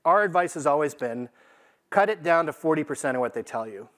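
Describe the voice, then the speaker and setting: Before a live audience, a conference speaker from Canada, an AI consultant, delivers a casual, emphatic business presentation and keeps checking in through rhetorical questions. His voice is a little high and a bit bright, expressive and fairly quick.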